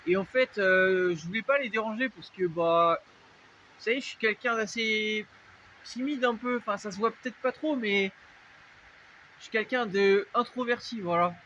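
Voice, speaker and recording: A man from France with a French accent talks through a casual vlog, wandering from point to point with constant fillers. His voice sits high for a man. The audio is dull and lo-fi, with a faint hiss underneath. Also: normal speed, bright, forceful tone. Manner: rambling, full of fillers and restarts. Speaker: vlogger. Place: dark unlit spot, vehicle noise around.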